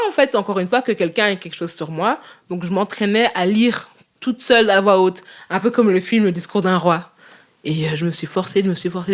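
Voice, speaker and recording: A young woman in a casual interview, talking candidly in a quick, lively way and laughing often. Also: lowish voice.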